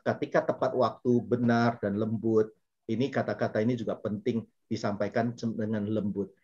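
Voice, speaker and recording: A man's voice: mid-range voice, a little mellow. A middle-aged man giving a Buddhist dharma talk, telling personal stories in a conversational way with frequent fillers and self-corrections. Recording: dull lo-fi recording.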